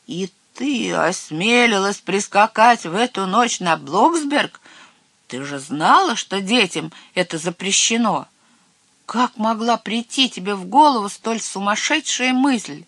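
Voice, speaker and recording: A storyteller voicing a stern chief of the witches who scolds loudly and gives orders. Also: mid-range voice, animated, unhurried, dry recording. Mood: angry. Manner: loud, commanding, scolding.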